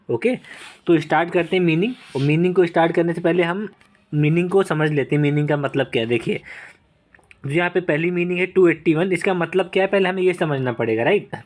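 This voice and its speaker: A man teaching vocabulary in a recorded online lesson, explaining with slow repeated examples and frequent check-ins with the viewer. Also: on the high side, a little mellow.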